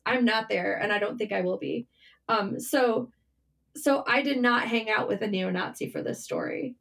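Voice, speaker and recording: A woman who is a writer and journalist tells stories as a guest in a casual interview, speaking candidly, informally and with some mild swearing. Her voice is on the high side and creaky, with a fairly bright tone.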